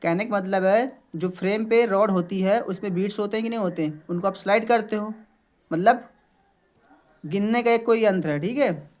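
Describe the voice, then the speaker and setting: A man with a high-sitting voice patiently teaches in a classroom-style lesson, explaining English words in Hindi. He drills pronunciation by repeating words slowly, and he poses questions and answers them himself, often with a checking "okay."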